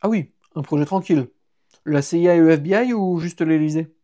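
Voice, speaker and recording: A man's voice: a little high, brisk, warm tone, natural voice. A man voicing a joking, easygoing young male hacker friend in an audiobook, teasing and casual, stammering when taken by surprise. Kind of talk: audiobook character voice.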